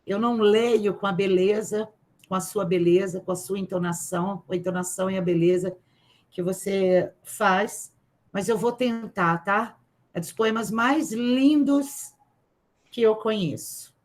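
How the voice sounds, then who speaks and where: A woman coordinating an academic session, praising the guest and reading a poem aloud slowly and deliberately over a video call. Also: medium pitch.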